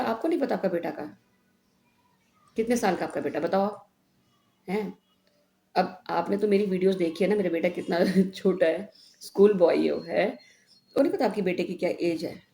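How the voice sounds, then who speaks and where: A middle-aged woman vlogger from India, telling a story in a chatty, animated way and often asking "हैं?". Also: lowish voice, normal speed, long pauses. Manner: chatty, animated retelling with frequent "हैं?" tags. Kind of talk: casual vlog storytelling. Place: home room. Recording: echoey room with faint background noise.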